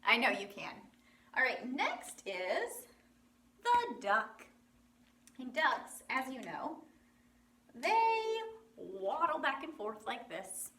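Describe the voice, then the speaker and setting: A woman teaching a children's lesson, playful and animated, acting out animal sounds. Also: sits high, slow pace, long pauses, a little hiss or hum. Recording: roomy, from a distance.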